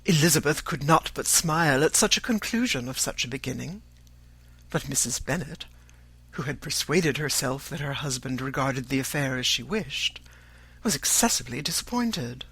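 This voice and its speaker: An audiobook narrator reading a classic novel in a formal, measured storytelling manner. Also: mid-range voice, lively intonation, fairly bright tone, husky. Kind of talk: scripted literary narration.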